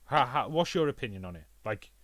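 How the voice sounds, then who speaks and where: Excitable man, lively pitch. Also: a little fast, no echo. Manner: excitable, swears, acts out characters' lines. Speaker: podcast co-host. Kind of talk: casual chat.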